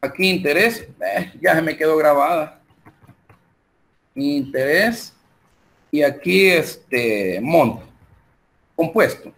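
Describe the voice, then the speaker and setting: Teaching math online, this Salvadoran Spanish-accented man speaks in an expressive voice on the high side. He proceeds slowly through the calculations and a spreadsheet, step after step, with many fillers along the way.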